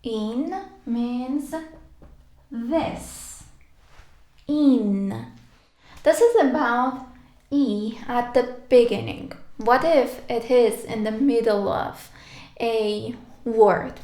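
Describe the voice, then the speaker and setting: A woman teaching a language lesson, slowly repeating each word and letter for practice. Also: fairly high pitch, mellow, reverberant. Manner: patient, repeats words for practice. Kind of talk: slow step-by-step alphabet lesson.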